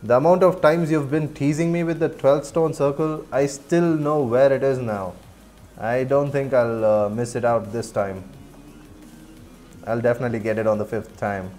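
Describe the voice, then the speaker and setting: A man's voice: mid-range voice, fairly even intonation, normal speed, darkish tone, faint music behind. A man with an Indian accent chatting casually with viewers as he streams, laughing often and answering chat as he plays. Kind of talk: casual gameplay commentary.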